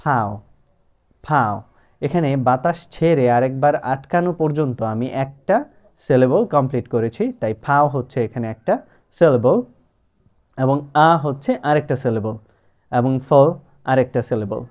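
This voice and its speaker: A man teaching a spoken lesson, explaining step by step and patiently repeating example words slowly and clearly. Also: mid-range voice, a little mellow. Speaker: English teacher. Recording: dull lo-fi sound.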